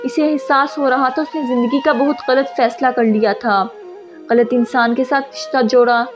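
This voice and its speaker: High-voiced woman narrating a sad story. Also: fairly even intonation, normal speed. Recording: dull lo-fi audio with music.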